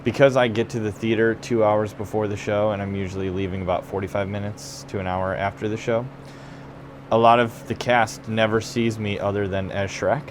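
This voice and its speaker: A young stage actor from Chicago with a Midwestern American accent chats in a casual backstage interview in a theater dressing room, laid-back and full of fillers. His voice is on the low side, flat and brisk, with a little hiss or hum.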